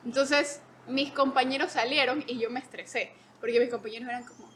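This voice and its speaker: A woman in her twenties, a podcast guest, telling stories in an animated way, laughing often and acting out quotes. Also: high voice, brisk, slight background noise. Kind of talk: casual storytelling.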